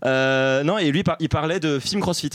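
A man's voice: on the high side, normal speed, fairly bright tone, no echo. A young man co-hosting a casual film chat in front of a live audience, rambling with many fillers and self-mocking jokes. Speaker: podcast co-host.

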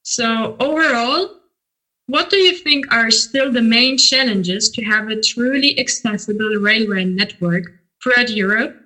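A woman from Germany co-hosting a podcast, asking interview questions in a halting way with fillers. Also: fairly high pitch, pushed and bright, poor audio. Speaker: podcast co-host.

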